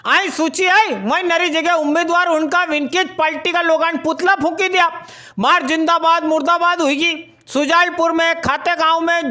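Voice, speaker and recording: A woman with a Malwi accent reads a local news bulletin in a very high, sharply bright voice. Her delivery is chatty and folksy, more like telling a story to neighbours than reading a formal script. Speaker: news presenter.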